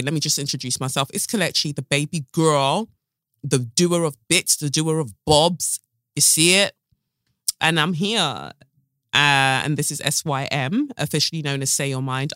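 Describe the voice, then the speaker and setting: A woman's voice: very deep voice, fairly bright tone, dry recording, clean studio sound. A woman hosting a casual solo podcast in a playful, emphatic, slangy way, her speech slightly impeded by the retainers she is wearing. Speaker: podcast host.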